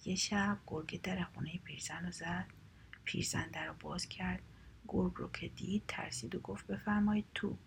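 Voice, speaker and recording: Soft-spoken woman telling a children's tale. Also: fairly low pitch, steady tone, creaky. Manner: soft, half-whispered storytelling voice. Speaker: storyteller. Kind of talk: children's story narration.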